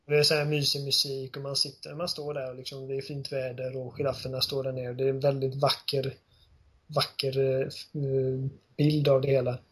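Guy gushing about a game scene, kinda husky, lots of umms. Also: mid-range voice, completely flat delivery, a bit bright. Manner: enthusiastic, retells scenes with many fillers. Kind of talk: casual game discussion.

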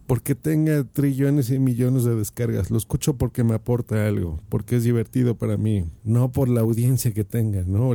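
Gravelly Mexican man, chatty podcaster. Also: medium pitch, dark tone, no room sound. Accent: Mexican Spanish. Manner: playful and chatty, addresses listeners directly. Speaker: podcast host. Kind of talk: casual podcast talk recorded on a phone. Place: office. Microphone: phone.

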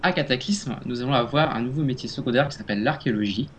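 A man co-hosts a casual gaming podcast in a medium-pitched voice. He explains things haltingly, with frequent fillers and restarts. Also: a crowd in the background. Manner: hesitant, many fillers and restarts. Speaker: podcast co-host.

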